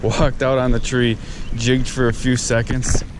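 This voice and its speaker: In a mid-range voice that runs a little slow, a man hosting a fishing video chats excitedly and directly to viewers as he fishes from a riverbank and a fallen tree. The casual, on-the-spot commentary is captured by a head- or chest-mounted action camera, along with wind and river noise.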